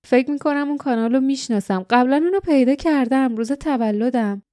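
A woman's voice: high voice, dark tone, dry recording, clean studio sound, pitched above the performer's own voice, lightly acted. A woman voicing an earnest young male hero in an audiobook, with a raised, pleading voice. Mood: eager.

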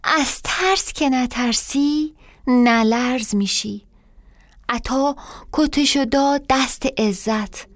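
A woman's voice: sits high, no echo, clean studio sound. A woman reading her own story aloud dramatically, sometimes dropping to a whisper. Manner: dramatic, drops to a whisper at times. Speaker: storyteller and author. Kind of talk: scripted story narration.

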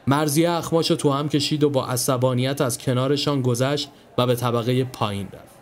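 A man narrating a scripted story in a calm, measured way. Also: mid-range voice. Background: faint background music.

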